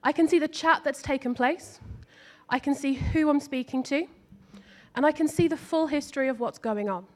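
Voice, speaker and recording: A woman with a high voice presents a live software demo. She talks briskly through each feature. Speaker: app presenter.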